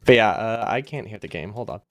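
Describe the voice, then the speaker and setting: A man's voice: mid-range voice, no room sound, studio quality. A man chatting casually on a game livestream, easygoing and rambling as he thinks aloud, his speech slightly impeded by a loose dental retainer. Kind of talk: casual livestream chat while gaming.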